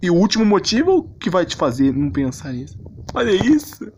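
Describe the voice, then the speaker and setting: In a noisy home recording with clicks, a Brazilian video creator rants casually about anime characters, rambling with mock outrage and plenty of slang. His high-pitched voice is sing-song and a little mellow, moving slightly fast.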